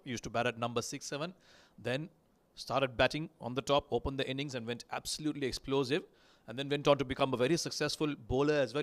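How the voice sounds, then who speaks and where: Man, sri lankan accent, live cricket commentary, mid-pitched, lively play-by-play. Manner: lively play-by-play, rising on big moments.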